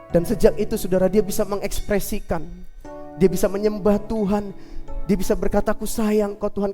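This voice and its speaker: Male pastor, high tenor, vivid storytelling sermon style, faint worship band behind. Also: long reverb tail. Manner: animated storyteller, acting out the people he quotes; fervent exhorting over worship music at the close. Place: church service.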